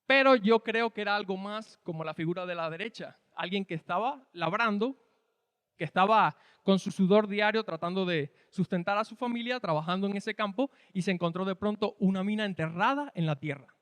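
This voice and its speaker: Man, Cuban accent, preacher, high voice, dry close sound with a long hall tail. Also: brisk, a bit bright, smooth. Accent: Cuban Spanish. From Cuba. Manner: explanatory, conversational, rhetorical questions. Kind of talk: sermon teaching.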